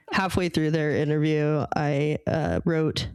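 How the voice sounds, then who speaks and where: A woman co-hosting a casual sports podcast, talking in a measured, thoughtful way with a few fillers. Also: deep voice, a little mellow, clean tone, no echo. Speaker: podcast co-host.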